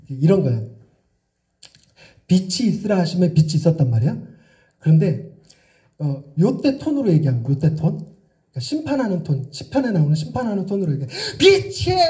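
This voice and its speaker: A man's voice: high voice, warm tone. A middle-aged male pastor giving a playful sermon in a church, teasing his congregation and acting out different tones of voice. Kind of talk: lively sermon with acted voices. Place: church sanctuary.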